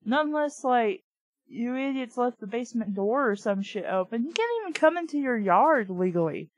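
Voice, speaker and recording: A woman with a fairly high, sing-song voice reads a children's book aloud at a normal pace as host, reviewing it along the way. She breaks in with casual, blunt remarks that are often incredulous and full of swearing.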